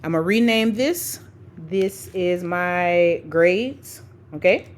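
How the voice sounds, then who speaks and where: Lower-voiced woman dictating steps. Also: animated, slow, a little hiss or hum. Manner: dictating formulas piece by piece; informal, checks in often with "okay" and "right". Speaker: spreadsheet tutorial instructor for educators. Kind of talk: step-by-step screencast instruction. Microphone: screen-recording voice-over.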